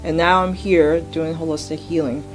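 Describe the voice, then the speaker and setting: A woman's voice: sits low, steady tone, moderate pace, soft background music. A woman navy veteran from Hong Kong speaking in an earnest, heartfelt way in an interview. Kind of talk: interview testimony.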